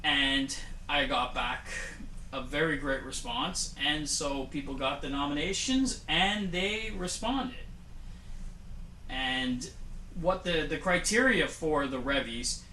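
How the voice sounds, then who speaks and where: A man with a bright, forceful voice hosts a homemade awards show in a playful, mock-grand way, sometimes restarting his sentences. He sits a little above the usual male pitch. The sound comes from an echoey home room with a faint hiss underneath. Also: slow. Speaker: host. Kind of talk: casual comedic awards-show banter.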